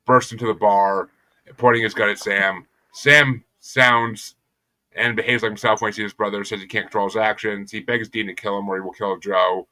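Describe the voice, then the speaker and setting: A young adult man co-hosting a podcast casually recaps a TV episode, retelling the plot with crude jokes. His voice is fairly low and gravelly, with a bright, forceful tone, and the recording is rough.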